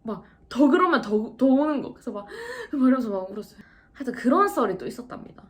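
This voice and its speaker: A woman's voice: a little high, animated, fast. Young woman vlogging casually, voice swings up and down a lot, acts out the rude customers. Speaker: vlogger, service worker. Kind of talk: casual storytelling to camera.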